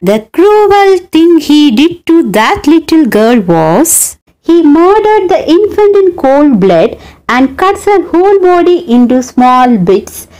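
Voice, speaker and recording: Heard on a low-quality recording, a woman with a high, mellow voice hosts her channel and narrates a story. Her scripted voice-over has a dramatic, swooping storyteller's delivery.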